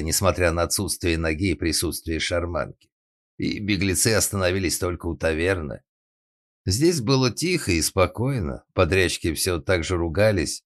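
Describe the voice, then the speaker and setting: Deep-voiced man narrating a comic tale. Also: no echo, studio quality. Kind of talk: scripted comic story narration.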